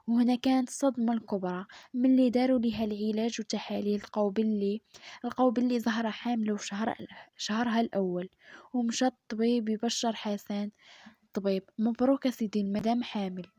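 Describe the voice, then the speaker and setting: Moroccan woman storyteller, hushed and half-whispered, higher voice, dry close mic. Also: fairly even intonation, fast talker, no room sound. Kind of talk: storytelling narration.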